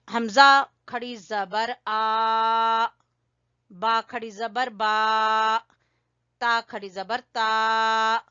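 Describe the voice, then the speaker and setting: A woman teaching Quran recitation, drilling syllables slowly and patiently. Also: fairly high pitch, bright, forceful tone, dry recording, muffled recording. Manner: patient, repeats syllables slowly, often says "theek hai". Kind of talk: slow, drilled tajweed lesson.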